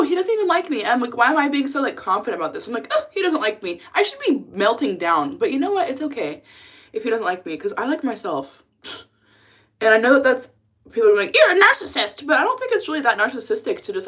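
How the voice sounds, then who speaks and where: A woman's voice: mid-range voice, fairly bright tone. A young woman from the United States chatting casually on a live stream, blunt and talkative, laughing often as she reads the chat aloud. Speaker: livestreamer.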